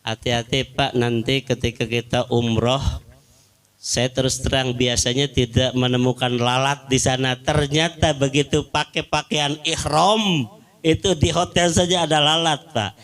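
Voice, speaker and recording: A man's voice: mid-range voice, a little slow. A middle-aged man with a Sundanese accent, preaching at a home gathering and telling stories mixed with Arabic quotations. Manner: lively storytelling, mixing in local phrases and Arabic quotations. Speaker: Islamic preacher.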